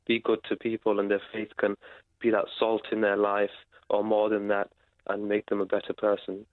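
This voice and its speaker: A man calling in to a radio show, speaking haltingly with many fillers and pauses. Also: fairly low pitch, monotone, no room sound. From Britain. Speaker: caller. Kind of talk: phone-in radio call. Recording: tinny phone line.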